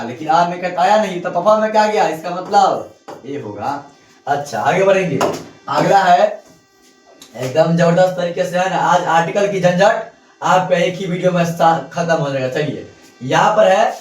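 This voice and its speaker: Teacher guy in class, kinda high voice, echoey room, far from the mic. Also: measured pace. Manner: repetitive, questioning the students. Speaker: English teacher. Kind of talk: classroom lesson explaining grammar. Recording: echoey room, mic at a distance, faint music.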